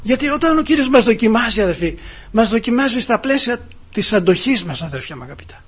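Husky high-voiced male preacher. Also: big pitch swings. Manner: emphatic, swings between hushed asides and loud exclamations; keeps addressing the congregation as brothers. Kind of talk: sermon.

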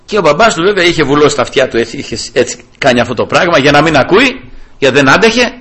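Older guy preaching, husky bright voice, gets all fired up and goes high. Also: sing-song. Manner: impassioned, climbing to fervent high peaks. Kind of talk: sermon testimony.

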